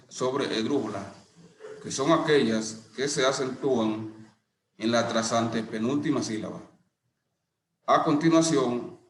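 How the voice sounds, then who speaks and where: A middle-aged man teaching a lesson, explaining slowly and deliberately with a few restarts. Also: mid-range voice, a bit bright, slight background noise. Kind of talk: classroom lesson. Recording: echoey room with faint ambience.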